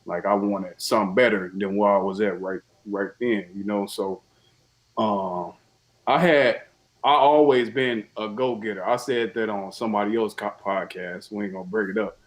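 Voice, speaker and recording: A man's voice: fairly low pitch, steady tone, normal speed. A young man from Chicago's South Side with a Chicago accent, chatting casually and profanely as a podcast guest. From Chicago, USA. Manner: laid-back, profane, repeats himself. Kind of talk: casual chat.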